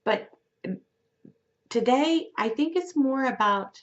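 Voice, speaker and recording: A woman giving a weekly tarot reading in a gentle, unhurried way, with fillers and restarts. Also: sits high, expressive, highs cut off. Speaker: tarot reader.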